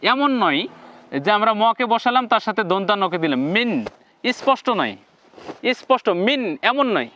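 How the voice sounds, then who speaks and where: A man teaching Quran recitation in a step-by-step lesson, slowly repeating syllables for viewers to copy and giving the Arabic sounds a heavy nasal tone. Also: sits high, sing-song, pushed and bright, a little hiss or hum.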